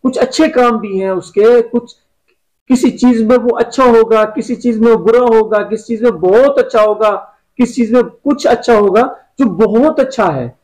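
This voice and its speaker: A man's voice: very high voice, moderate pace, a little mellow, rough recording. A man, a business coach, giving motivational advice in an interview and repeating key phrases as he instructs.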